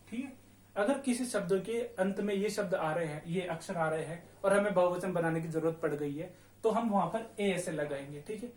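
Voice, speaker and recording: High-voiced man teaching in an echoey room. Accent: Rajasthani Hindi. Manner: repetitive, checks in often with "theek hai"; spells words out letter by letter. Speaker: Spanish teacher. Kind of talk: classroom-style language lesson.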